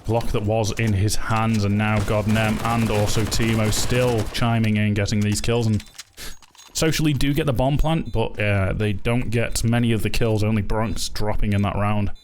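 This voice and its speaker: A British man casting a game live from home, calling play-by-play with a quick, teasing manner. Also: on the low side, fairly even intonation, slight background noise. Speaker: esports caster. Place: home, alone.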